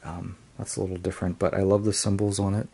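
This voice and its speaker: A very low-voiced man with a husky, mellow tone talks through a tarot deck card by card. His delivery stays flat and even, full of ums and small restarts as he thinks aloud in a relaxed review. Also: fast. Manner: hesitant, frequent ums and restarts. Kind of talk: casual unboxing review.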